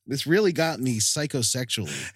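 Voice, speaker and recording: A man's voice: medium pitch, huge pitch swings, moderate pace, breathy edge, no room sound, clean studio sound. A man guesting on a podcast, chatting casually with a wry delivery. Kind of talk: casual reminiscing chat.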